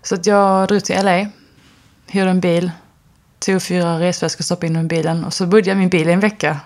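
Woman w a low vocal-fry voice, chatty and candid, lots of ehm. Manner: candid, relaxed, many fillers. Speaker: actress and interview guest. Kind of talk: casual storytelling conversation.

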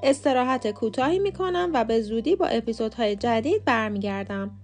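Calm Persian-speaking woman teaching. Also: a little high, soft background music. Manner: calm, clear explaining with slow model words. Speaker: podcast host teaching English pronunciation. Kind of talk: scripted podcast lesson.

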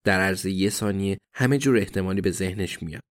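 A man narrating an audiobook in a measured, even reading. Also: low voice.

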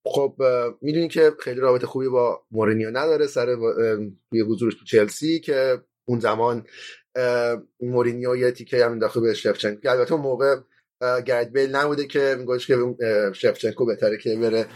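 A man's voice: mid-range voice, steady tone, a little mellow. Hesitant male football pundit. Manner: hesitant, many filler sounds, restarts. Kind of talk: casual podcast analysis.

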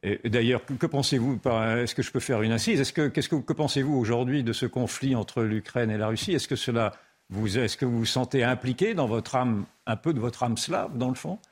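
A man's voice: mid-range voice, a little fast. A man hosting a talk show interview, asking polite, probing questions. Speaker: host.

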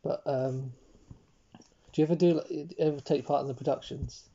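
A young man chatting casually, jumping in often and trailing off into low mumbles. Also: fairly even intonation, moderate pace, dark tone, breathy edge, lo-fi sound. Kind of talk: casual chat.

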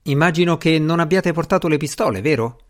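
A man voicing an anxious young gentleman magician, fretful and exclamatory. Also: a little high, fairly quick, voice pushed up, natural voice. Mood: urgent.

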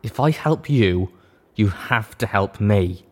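A man voicing a wounded, sullen male pony who speaks slowly in low, flat, carefully measured tones.

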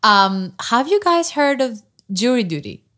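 A woman's voice: fairly high pitch, very animated, measured pace, fairly bright tone. A woman from Greece co-hosting a casual film podcast, talking in a chatty way full of "like" and restarts. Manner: chatty, hesitant restarts, lots of "like". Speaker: podcast co-host. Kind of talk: casual chat.

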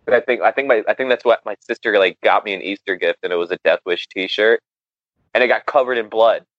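A man's voice: lowish voice, a little fast, no room sound, highs cut off. A man casually telling a wild story on a podcast, swearing constantly and laughing often. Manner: profane, laughing, animated storyteller.

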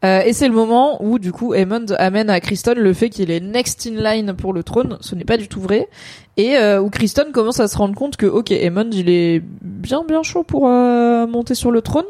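A woman's voice: on the high side, warm tone, no room sound. Chatty woman, dry close sound. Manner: chatty, quick digressions, many fillers. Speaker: co-host of a series debrief stream. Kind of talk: casual chat.

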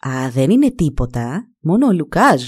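A woman's voice: deep voice, very animated, husky, no room sound, clean studio sound, exaggerated voice. A woman voicing a gossiping male deacon who speaks dismissively in a storybook reading.

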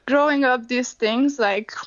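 A woman in her twenties with a Hungarian accent, answering interview questions over a phone line in a matter-of-fact way. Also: high voice. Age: 20s. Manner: unhurried, matter-of-fact, simple non-native phrasing. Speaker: guest.

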